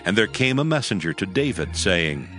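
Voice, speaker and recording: Solemn low-voiced male narrator. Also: very animated, moderate pace, a bit bright, faint music behind. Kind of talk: solemn scripted scripture narration.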